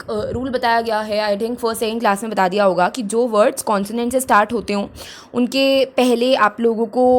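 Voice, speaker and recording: Hindi-speaking woman teaching grammar. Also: fairly high pitch. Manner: explains slowly, checks in with "ठीक है?" after each point; reads example sentences slowly and deliberately. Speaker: English teacher. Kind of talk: classroom grammar lesson.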